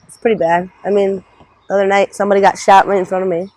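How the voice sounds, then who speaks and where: A woman's voice: medium pitch, little pitch movement, quick pace, a little mellow, low-quality recording. This is a woman in her twenties, speaking outdoors on a city street. She talks bluntly, swears freely and sounds streetwise and matter-of-fact, answering questions from an interviewer. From Trinidad. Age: 20s.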